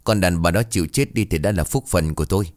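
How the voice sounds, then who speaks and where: A man's voice: deep voice, fast talker, dry recording, clean studio sound, lightly acted. A man voicing a drunk, callous husband who talks in a rude, dismissive snarl in a storybook tale. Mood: scornful.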